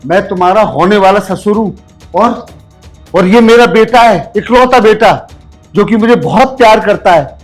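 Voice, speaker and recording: Humble old village dad, played by a man, high-pitched, stammering and pleading, faint music under it. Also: moderate pace, lightly acted. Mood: dignified scolding. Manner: pleading, repeats himself, stammers. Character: humble elderly village father, pleading then dignified.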